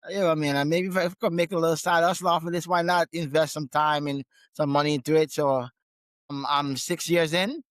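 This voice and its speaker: A man from Guyana, a gym owner and trainer, chatting casually as a podcast guest, relaxed and often restarting his sentences. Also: a little high, a little fast, no echo. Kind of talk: casual interview conversation.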